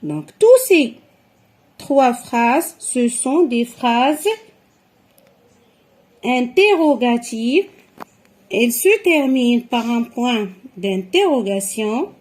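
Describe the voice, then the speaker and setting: Woman teacher, high voice, unhurried, patiently explaining grammar to children. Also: animated, a little mellow. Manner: slow, patient explaining with repetitions.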